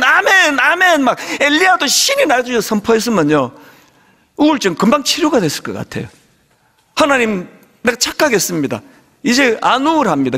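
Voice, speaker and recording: A man's voice: sits high, a bit bright. A middle-aged man, a senior pastor, preaching a sermon in a conversational, humorous storytelling way. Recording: long hall reverb in a big sanctuary.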